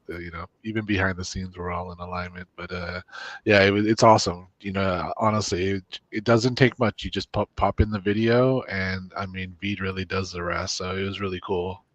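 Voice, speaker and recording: A man's voice: on the low side, dry recording. A man hosting a casual video podcast from home, easygoing and chatty while running the screen share. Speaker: host.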